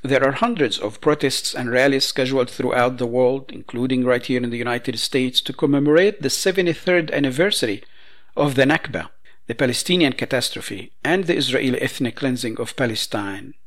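A man presenting news commentary, reading statements in a measured, emphatic way. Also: medium pitch, fairly bright tone.

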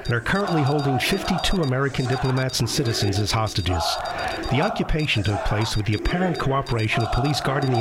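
A man's voice: mid-range voice, heavy background noise, natural voice. A man playing a radio newsreader giving a formal news bulletin. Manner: formal announcer read.

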